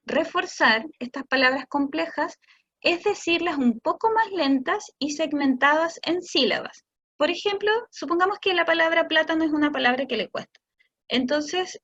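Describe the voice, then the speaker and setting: Bright high-voiced Chilean woman therapist. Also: muffled recording. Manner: patient, explanatory, slows and stretches words to demonstrate. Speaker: speech therapist. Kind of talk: online talk for parents answering questions.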